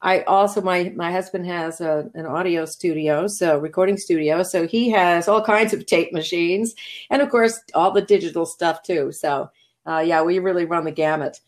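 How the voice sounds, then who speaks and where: Speaking at a moderate pace in a fairly low voice, a middle-aged woman voice actor from New England fields interview questions in a relaxed, conversational way. She stays articulate while chatting, laughing and restarting often.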